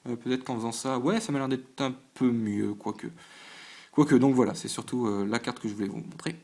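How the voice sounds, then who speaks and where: This man's medium-pitched voice is fairly quick and fairly even, a little mellow, with some vocal fry. Opening trading card packs as host of his own channel, he sits at a lamp-lit desk at home and talks casually to camera, rattling off items with short reactions and regularly faltering and restarting with fillers.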